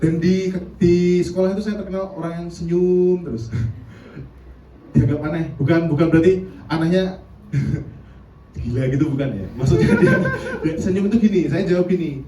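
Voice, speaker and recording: A man's voice: fairly high pitch, very animated, moderate pace, warm tone, slight background noise. A man giving a casual, playful sermon to a youth service, laughing often and quoting others in asides. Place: church hall. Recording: echoey hall, distant mic.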